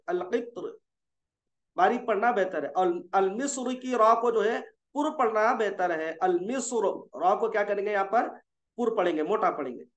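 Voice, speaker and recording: This classroom lesson features a man teaching Quran recitation, his high voice carrying a reverberant sound. He asks the students questions, supplies the answers himself, and goes back over the main points.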